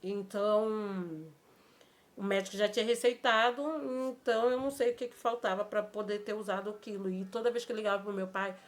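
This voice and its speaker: A Brazilian Portuguese woman telling a personal story in a vlog, emotional and halting, often repeating her phrases. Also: mid-range voice, fairly even intonation. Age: adult with a child. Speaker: vlogger.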